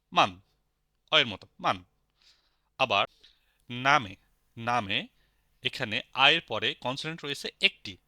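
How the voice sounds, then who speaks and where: A man with a Bangladeshi Bengali accent teaching a spoken language lesson, patiently repeating each word slowly. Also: medium pitch, pushed and bright, dry recording, studio quality.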